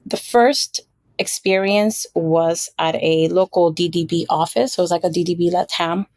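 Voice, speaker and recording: A woman from Puerto Rico, a marketing executive guest, telling stories in a chatty, relaxed interview. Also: lowish voice, moderate pace, no room sound. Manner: chatty, storytelling, frequent fillers. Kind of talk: casual interview.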